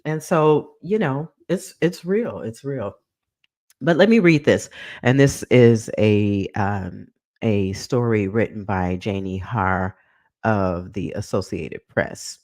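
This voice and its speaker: A man's voice: on the low side, slow, a little mellow, no echo, clean studio sound. A man from San Francisco hosting a live news broadcast in an earnest, conversational way, talking into a livestream headset mic. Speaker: news show host.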